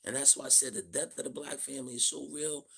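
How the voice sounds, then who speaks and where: A man's voice: medium pitch, fast, vocal fry, a bit bright, slightly rough. A man in his fifties hosting a live stream, delivering a blunt, profane, preachy rant and greeting viewers in the chat. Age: 50s. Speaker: livestream host. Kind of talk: livestream monologue.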